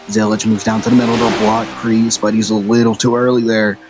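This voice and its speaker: A man doing rapid, excitable play-by-play commentary of a video game race, out of breath, his voice jumping high on sudden exclamations. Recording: clear background music.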